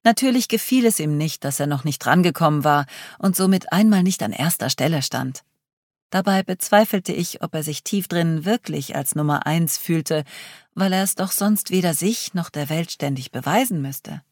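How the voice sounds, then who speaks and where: A narrator reading a first-person story aloud in an even storytelling way. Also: mid-range voice, normal speed, no echo, studio quality.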